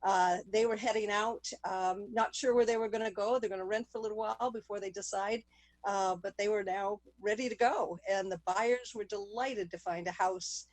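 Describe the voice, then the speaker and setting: A woman's voice: mid-range voice, darkish tone, no room sound, low-quality recording. A woman speaking as a real estate agent in a casual interview over a video call.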